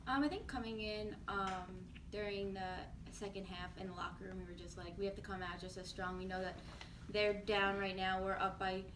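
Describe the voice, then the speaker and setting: A woman's voice: medium pitch, steady tone, normal speed. A young woman college athlete answering press questions casually, with likes and ums. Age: young adult. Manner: casual, says like and um. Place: office-like room, indoors. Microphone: far camera. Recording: echoey room, far mic, noise.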